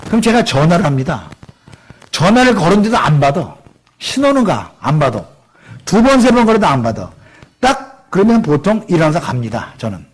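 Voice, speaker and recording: Lively middle-aged pastor preaching. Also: male voice, a little high, a little fast, husky. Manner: lively preaching, acts out quoted voices, asks the congregation questions. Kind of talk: sermon. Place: church sanctuary.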